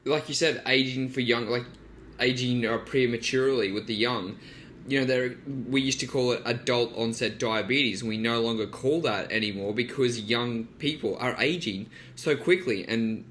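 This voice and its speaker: A man's voice: medium pitch, fairly bright tone, slight background noise. A man hosting a podcast, talking casually and rambling with many fillers as he riffs on his guest's point. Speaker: podcast host. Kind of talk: podcast interview.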